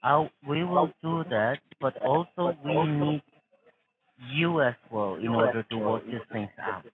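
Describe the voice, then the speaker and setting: A man's voice: medium pitch, measured pace. Call-center man on tinny phone. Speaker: phone scammer posing as senior investigator. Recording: tinny phone line, crowd chatter behind.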